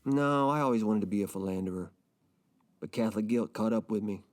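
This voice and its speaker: An actor playing a gloomy, self-pitying rich man who rambles in a deadpan, mopey way in a comedic audio drama. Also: lowish voice, brisk, lightly acted.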